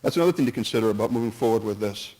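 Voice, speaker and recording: This man's voice runs on the low side, with lively intonation, a rapid-fire pace, a darkish tone and a breathy edge. Making public comment at a town meeting, he's earnest yet cautious, stumbling, restarting and leaping between points as he offers his opinion.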